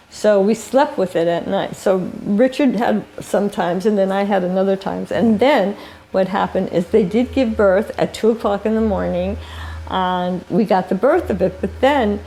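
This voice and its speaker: Gravelly-voiced older woman telling stories. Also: medium pitch, poor audio. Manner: animated storyteller, laughs often, acts out quotes. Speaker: filmmaker guest. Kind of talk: casual storytelling interview.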